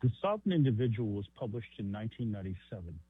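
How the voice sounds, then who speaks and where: A husky-voiced man explains at length as an author and journalist on a radio call-in. His voice comes through a thin, narrow AM-radio-like phone line with no room sound. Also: on the low side, big pitch swings, very fast, no room sound. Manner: long explanatory answers with occasional fillers. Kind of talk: radio interview answer.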